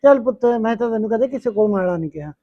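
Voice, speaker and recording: A woman's voice: on the high side, lively intonation, very fast. A middle-aged woman, playing a tired, patient mother-in-law in a village family drama. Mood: gentle. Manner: gentle, weary, calls her "son". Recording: dull lo-fi recording.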